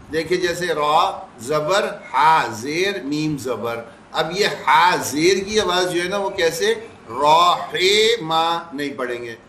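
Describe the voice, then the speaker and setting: A man teaching recitation, patiently repeating sounds slowly to demonstrate them. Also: a little high, a bit bright, echoey room, a little hiss or hum. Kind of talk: explanatory lesson.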